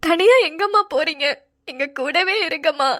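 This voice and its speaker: Woman doing a teary mom in a cartoon, begging, voice way up high. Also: moderate pace, sharp tone. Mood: pleading. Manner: pleading, tearful. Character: grateful middle-aged mother, pleading and tearful. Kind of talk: dramatic cartoon voice acting.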